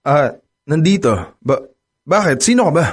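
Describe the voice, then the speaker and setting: In a radio drama, a young man plays a devoted, lovestruck boyfriend who is growing suspicious, pleading and flustered and stammering when pressed. He is the lead character. His voice is a little high, animated and husky, at a moderate pace.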